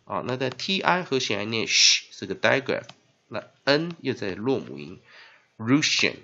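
A man teaching English spelling and phonics in Mandarin with a Taiwanese accent, spelling words out letter by letter and filling pauses with drawn-out "ah" sounds. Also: medium pitch. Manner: spells words letter by letter, heavy fillers, lively emphasis. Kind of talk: classroom-style phonics lesson. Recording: dull lo-fi recording.

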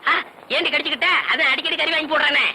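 An actor playing a jealous, sharp-tongued village husband who scolds loudly and sarcastically. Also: male voice, extremely high pitch, fairly even intonation, fast talker, vocal fry, slight background noise, full character voice, rough recording. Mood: mocking. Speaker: comic film actor. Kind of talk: 1980s Tamil film comedy dialogue.

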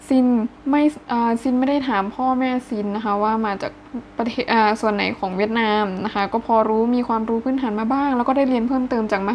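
A young woman teaching a casual language lesson, speaking politely and ending her phrases with soft particles. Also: fairly high pitch, muffled recording, a little hiss or hum. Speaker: Vietnamese language teacher, page admin.

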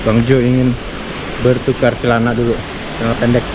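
Excited man vlogging beside a roaring waterfall. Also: medium pitch, very noisy. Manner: enthusiastic, exclaiming often, addressing viewers as friends. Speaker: travel vlogger. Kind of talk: casual travel vlog narration. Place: outdoors in a tropical forest by a waterfall. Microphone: action camera. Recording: loud waterfall roar on an action camera. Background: rushing water.

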